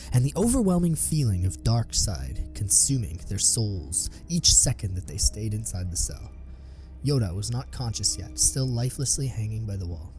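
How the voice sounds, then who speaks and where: A man giving scripted narration of a sci-fi story in an even storytelling manner. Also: mid-range voice.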